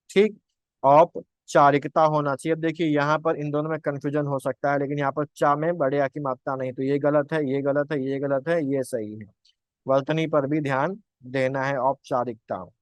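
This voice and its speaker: A man's voice: a little high, steady tone, moderate pace, no echo. Male tutor asking and answering his own questions. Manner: asks questions and answers them himself, repeats points. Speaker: exam-prep Hindi teacher. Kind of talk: explaining grammar answers to exam questions.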